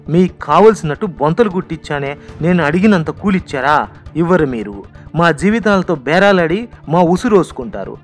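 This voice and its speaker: A man's voice: fairly high pitch, lightly acted. A man voicing a poor, defiant village seamstress woman who scolds in a raised voice.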